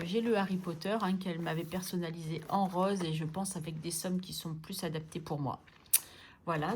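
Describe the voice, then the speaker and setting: A chatty woman talks her way through sorting budget envelopes at home, muttering to herself and teasing herself over her slips. Her pitch sits in a mid range, and paper crinkles over a clear background noise. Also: darkish tone. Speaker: budgeting vlogger. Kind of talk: casual chat while sorting envelopes.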